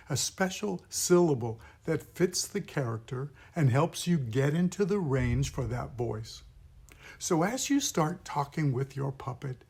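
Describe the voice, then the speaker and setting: A man's voice: medium pitch, darkish tone, breathy edge. A man, a pastor, patiently teaching puppet voices step by step in an instructional video.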